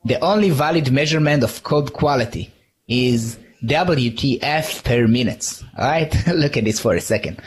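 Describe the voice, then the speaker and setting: A man's voice: medium pitch, moderate pace. A man giving a live conference talk, conversational, checking in with "all right?" and often restarting words. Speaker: conference speaker.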